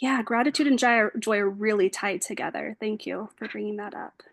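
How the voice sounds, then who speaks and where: A woman's voice: mid-range voice, brisk, dry recording. A woman giving an informal lecture to an audience, affirming and conversational, with frequent casual fillers. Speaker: lecturer and social worker. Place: bookstore event space.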